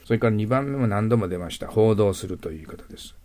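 A man teaching English vocabulary in a recorded lesson, explaining patiently and repeating example words slowly. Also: on the low side, animated, darkish tone, slight background noise. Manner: adds ね as a tag.

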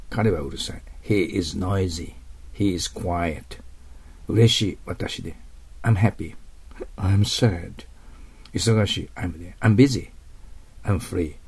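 Male English teacher, lowish husky voice, patient explainer, stretches out example phrases slowly. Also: darkish tone. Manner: patient, explanatory, asks learners to repeat. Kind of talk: grammar lesson.

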